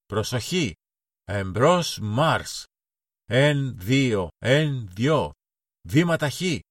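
A small, proud boy playing captain, as a man puts him on, his voice pushed up high as he barks marching orders at his friends. The reading sounds close and dry, with no room around it. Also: animated, no echo, close to an everyday voice. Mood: commanding. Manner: shouted commands.

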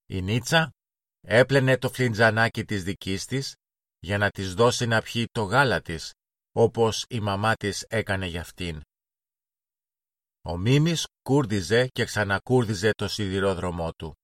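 Low-voiced man reading a storybook. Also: no room sound, studio quality. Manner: calm, measured reading. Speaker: narrator. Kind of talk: storybook narration.

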